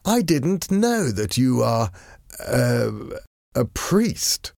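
A man voicing a smug, languid English gentleman hero who speaks with bored, mocking politeness. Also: mid-range voice, very animated, very slow, gravelly, no echo, clean studio sound, pitched above the performer's own voice, full character voice. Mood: languid, teasing.

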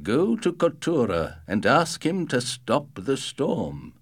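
A man's voice: medium pitch, wildly swooping pitch, slow pace, pitched above the performer's own voice, full character voice. A man playing an anxious old nomad father. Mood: earnest.

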